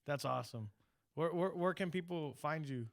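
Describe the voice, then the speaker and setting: A man's voice: fairly high pitch, moderate pace, gravelly, dry recording, studio quality. A man hosting a podcast in a casual, informal, sweary way with loose phrasing. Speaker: podcast host. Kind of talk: casual chat.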